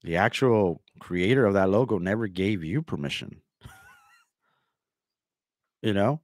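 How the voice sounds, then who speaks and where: Sarcastic man ranting, low dry voice. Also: lively intonation, a little slow, dry recording. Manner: mocking, sarcastic, repeats himself, mimics rival in quotes. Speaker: channel host. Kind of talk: ranting commentary.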